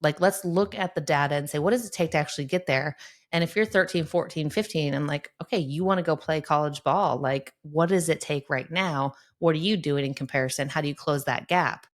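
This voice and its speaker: A woman's voice: low voice, a little fast. A middle-aged woman, a sports psychologist, speaking earnestly and encouragingly in a podcast interview, often checking in with "right?".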